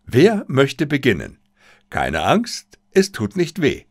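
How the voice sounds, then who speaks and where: A man voicing a sharp, commanding male detective in an audiobook, speaking in a crisp, insistent way. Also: medium pitch, huge pitch swings, slow pace, full character voice. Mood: dry.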